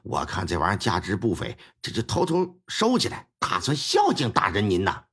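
Storyteller as a cringing, stammering underling, husky tone. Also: male voice, on the low side, huge pitch swings, a little fast, fairly bright tone, voice pushed down, heavily acted. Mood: nervous. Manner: stammering, obsequious. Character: fawning male underling, nervous and stammering.

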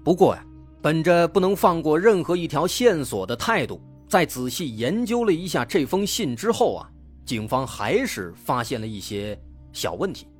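A man's voice: a little high, big pitch swings, moderate pace, breathy edge, faint music behind. A man narrates true crime stories in a conversational, explanatory way, posing rhetorical questions.

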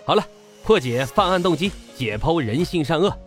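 A man's voice: fairly high pitch, lively intonation, normal speed, soft background music. A man hosting as a true crime narrator, telling a scripted story in a colloquial storyteller's way with rhetorical questions. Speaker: true crime podcast host.

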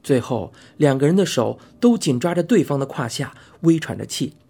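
A man narrating a novel as an audiobook in a soft, unhurried, intimate way. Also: a little high, lively intonation, gravelly, breathy edge. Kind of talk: scripted narration.

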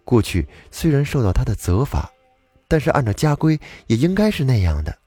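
A man voicing a gentle, dutiful young fox-spirit woman who speaks softly and earnestly. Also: medium pitch, big pitch swings, brisk, dry recording.

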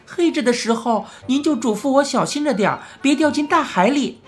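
A woman's voice: a little high, expressive, normal speed, darkish tone, faint music behind, lightly acted. A woman voicing a curious, persistent child in a children's audiobook, pressing with insistent questions.

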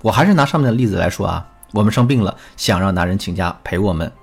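A man as a relationship coach, giving a recorded lesson in an animated storytelling way. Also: sits low, quick pace, gravelly, husky, soft background music.

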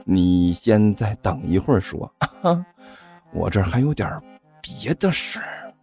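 A man's voice: fairly low pitch, sing-song, a little slow, mellow, husky, faint music behind, exaggerated voice. A man voicing a short-tempered, cocky young man who fires off brash retorts and stammers when scared. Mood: dismissive.

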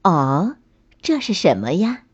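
Woman doing a soft, sighing mother rabbit. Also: big pitch swings, takes it slowly, breathy edge, heavily acted. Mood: resigned. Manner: low, soft, reproachful sighing tone. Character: patient mother rabbit, gently scolding and sighing. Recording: slightly dull lo-fi recording.

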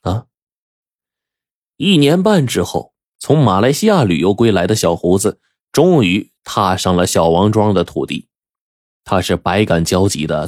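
Male storyteller, low husky tone, very expressive, dry close mic. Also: no room sound. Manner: lively, colloquial, animated. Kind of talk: casual spoken storytelling.

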